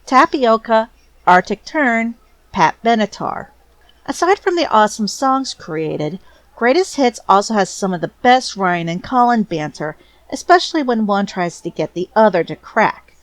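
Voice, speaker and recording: A woman's voice: mid-range voice, no room sound. A woman narrating a scripted fan commentary with an enthusiastic, close-miked delivery.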